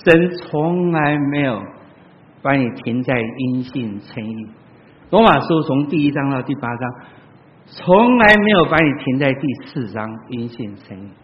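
A man preaches in a church hall, telling stories to the congregation. His voice swings from loud exclamations to soft, low asides. The sound is muffled and lo-fi, with a long reverb trailing after each phrase. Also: lively intonation, a little slow. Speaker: pastor. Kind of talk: sermon.

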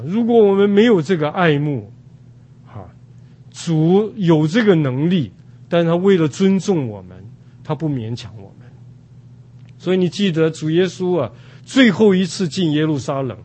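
A man's voice: fairly high pitch, sing-song, dark tone. Older man preaching, filler-laden. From Taiwan. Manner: unhurried, with frequent drawn-out "ah" fillers. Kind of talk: sermon.

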